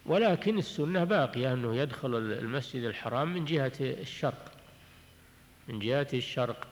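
A man teaching a religious text in a measured way, often repeating and restarting his phrases and clearing his throat. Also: medium pitch, lively intonation. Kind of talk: recorded lecture explaining jurisprudence. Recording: long hall reverb on an old tape.

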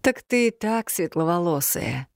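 A woman voicing an unseen male spirit in a dark corridor, speaking slowly and grumbling in a plain manner. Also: lowish voice, expressive, gravelly, no echo, clean studio sound.

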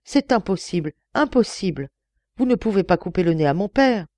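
A desperate son begs and pleads in a high, anxious voice, read out by a woman. The tone stays warm and mellow. The audiobook sound is dry and close. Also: expressive, normal speed, dry recording, natural voice. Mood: pleading. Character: frightened pleading dutiful son.

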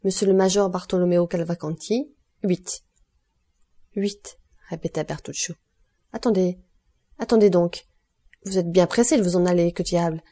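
A woman voicing a calm, ironic, commanding aristocratic count in an audiobook. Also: on the low side, natural voice.

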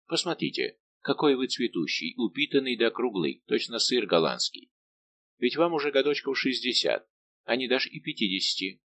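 A man reading aloud voicing a lively, bantering middle-aged musketeer captain. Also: medium pitch, normal speed. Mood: teasing. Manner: warm, bantering and persuasive.

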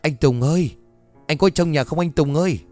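A man voicing a panicked neighbor in a ghost story, urgent and hurried. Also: medium pitch, expressive, darkish tone, faint music behind, close to an everyday voice. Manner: breathless and urgent.

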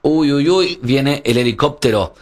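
Excitable Chilean male wrestling commentator. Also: mid-range voice, unhurried. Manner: excitable, repeats calls for emphasis.

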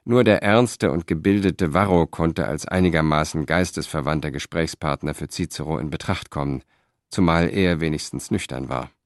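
A man narrating an audiobook in a measured, even reading style. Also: a bass voice, no room sound, studio quality. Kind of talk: scripted narration.

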